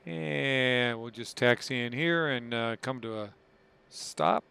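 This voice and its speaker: Male flight sim lead, crisp clear tone, casually talking through his actions live and informally. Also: mid-range voice, slow, bright, forceful tone. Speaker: flight leader in a flight simulator. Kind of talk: casual live commentary while flying.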